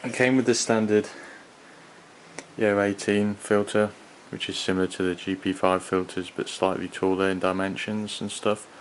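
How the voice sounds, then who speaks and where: A man giving an unscripted hands-on product review in a hesitant, halting, rambling manner. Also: lowish voice, flat delivery, poor audio. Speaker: gas mask collector and reviewer. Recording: clearly audible background noise.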